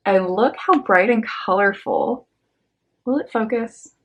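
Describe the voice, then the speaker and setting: A young woman casually chatting about a book haul on her vlog, slangy and upbeat, with quick asides. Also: a little high, lo-fi sound. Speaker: book vlogger.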